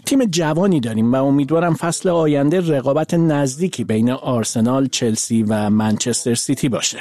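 A man at a mid-range pitch dubs a guest's interview answers. His delivery is measured and even. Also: no room sound. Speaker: voice-over interpreter. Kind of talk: dubbed translation of interview answers.

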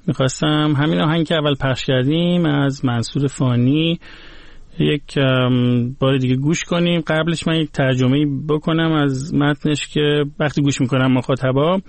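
A man's voice: on the high side, steady tone, creaky, no echo. A man talking on a radio program, patiently explaining word origins one by one. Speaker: guest expert on languages.

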